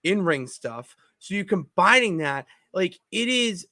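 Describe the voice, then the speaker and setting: Brief: man, podcast co-host, excitable rambler who keeps restarting sentences, fairly high voice, dry close sound. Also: a little slow, no echo. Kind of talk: casual chat. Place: home basement.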